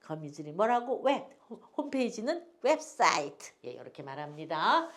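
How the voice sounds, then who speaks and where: A woman's voice: lowish voice, very animated, moderate pace, a bit bright. An older woman teaching an English phonics lesson, patiently repeating each word for learners to echo and drifting into homely stories.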